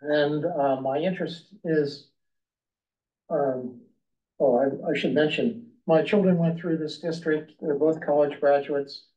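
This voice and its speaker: A man's voice: fairly high pitch, fairly even intonation, measured pace. An older retired man chairing a public committee meeting, introducing himself after calling on each member with brief, courteous thanks. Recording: distant, muffled meeting-room recording.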